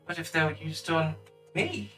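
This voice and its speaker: A man's voice: on the high side, fairly even intonation, moderate pace, sharp tone, recorded from a distance, soft background music, voice pushed up. A man playing a wary, stern king presiding over a trial in a tabletop game, formal and a little hesitant. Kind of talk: tabletop role-play.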